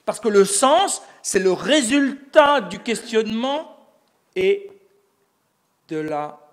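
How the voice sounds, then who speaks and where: A man's voice: high voice, fairly bright tone. A man giving a lecture on religious texts, explaining step by step and posing rhetorical questions that he answers himself. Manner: explanatory, building an argument step by step. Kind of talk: recorded lecture.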